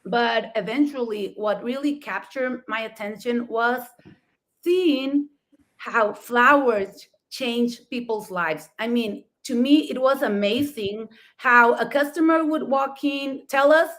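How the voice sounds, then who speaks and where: A middle-aged florist from Mexico, a native Spanish speaker with a Mexican accent, tells her story as a talk show co-host. Her voice sits on the high side and fairly bright, she speaks slowly, and she's enthusiastic, laughing often and frequently rephrasing with "I mean."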